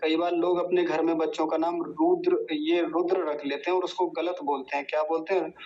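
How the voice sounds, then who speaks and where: A man teaching Sanskrit mantra pronunciation in a class, patiently repeating each word slowly. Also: fairly high pitch, level tone, darkish tone. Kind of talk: online class lesson, slow word-by-word drilling. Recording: dull lo-fi sound with faint noise.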